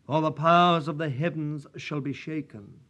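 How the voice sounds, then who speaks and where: A man preaching in a church, praying and reading scripture in a solemn, measured way at a pulpit microphone. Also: fairly high pitch, fairly even intonation, a bit bright, muffled recording. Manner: solemn and measured, old-fashioned prayer wording. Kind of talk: sermon with prayer and scripture reading.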